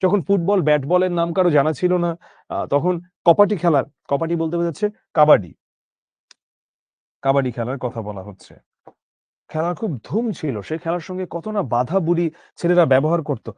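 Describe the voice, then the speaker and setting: Brief: male teacher, slightly high voice, dry close sound, explains a text piece by piece and keeps checking students follow. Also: lively intonation, moderate pace, long pauses, dry recording, lo-fi sound. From Bangladesh. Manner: explains line by line, asks rhetorical questions, checks understanding. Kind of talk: explanatory lecture.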